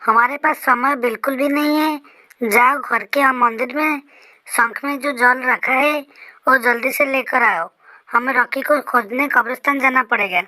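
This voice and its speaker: A woman's voice: high-pitched, a little slow, bright, forceful tone, poor audio. Woman voicing a stern worried father. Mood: urgent. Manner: scolding, commanding.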